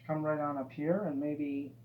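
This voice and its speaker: A man teaching painting in a gentle, easygoing, encouraging way, casually talking through each step as he demonstrates. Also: fairly high pitch, little pitch movement, moderate pace. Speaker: painting instructor. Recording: dull, roomy sound with faint hum.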